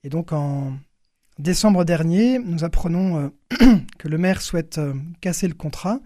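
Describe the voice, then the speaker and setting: A young priest whose first language is French is interviewed, explaining things in hesitant phrases and repeating words while searching for the next one. His voice is on the high side, animated, dark-toned and a little slow. The sound is clean studio audio without echo.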